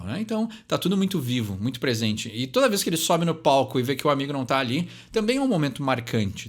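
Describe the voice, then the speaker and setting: With a fairly bright, high-leaning voice, a young man from Brazil hosts a channel and casually breaks down song lyrics. He has a Brazilian Portuguese accent, chats freely, keeps adding "né?" to his sentences and pauses, and reads English slowly.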